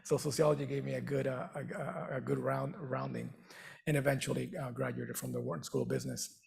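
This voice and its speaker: A middle-aged man from Venezuela, Spanish his first language, talks as a guest on a stage. His voice is deeply gravelly with plenty of fry, and he speaks earnestly, often repeating words as he restarts a thought. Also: animated, a little fast, darkish tone. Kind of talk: on-stage conversation.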